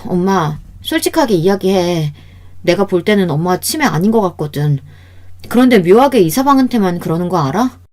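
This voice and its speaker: A woman's voice: on the low side, very animated, normal speed, darkish tone. A woman playing a worried grown daughter. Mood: coaxing. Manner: earnest, coaxing questions. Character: worried adult daughter, earnest and questioning. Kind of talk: radio story acting.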